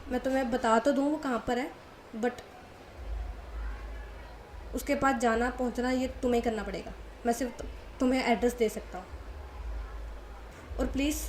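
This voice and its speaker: A woman voicing a gentle grown man who speaks softly and kindly to two girls. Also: a little high, a little hiss or hum, lightly acted. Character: gentle adult man, fond uncle type.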